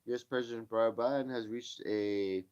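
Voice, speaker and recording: A man's voice: medium pitch, steady tone, a little fast, darkish tone, smooth, dull audio. A tired, yawning man casually reading news stories aloud on a live stream, stumbling over words and tossing off dismissive asides. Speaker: livestream host.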